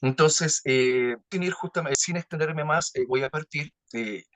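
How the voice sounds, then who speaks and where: A man giving a guest lecture over a video call from home, his audio choppy and breaking up from a bad connection, talking haltingly with many fillers and tag questions. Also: fairly high pitch, fairly bright tone, no room sound.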